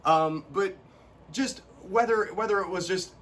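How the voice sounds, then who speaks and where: A young man co-hosting a casual chat, animated and quick to burst into quoted lines. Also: sits high, a little hiss or hum. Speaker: co-host.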